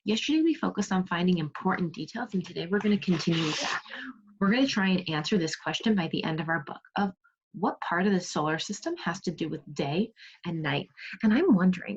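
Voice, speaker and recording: A second-grade teacher with a lowish, husky voice leads an interactive remote read-aloud in a video class. She gives instructions, asks questions, and praises her pupils, heard through dull, lo-fi video call audio.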